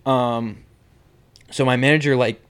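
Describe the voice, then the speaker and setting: A man's voice: medium pitch, fairly even intonation, a little slow, fairly bright tone, smooth. A man in his twenties hosting a podcast. He tells a story casually and animatedly, with lots of swearing and "bro". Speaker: podcast host.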